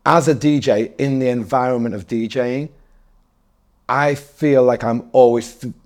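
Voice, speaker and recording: Guy in his 40s chatting on a podcast, mellow low-key tone, lots of restarts and little laughs. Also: steady tone, moderate pace. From North East England. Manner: rambling, self-correcting, laughs often. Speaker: guest DJ and MC. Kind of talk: casual interview chat.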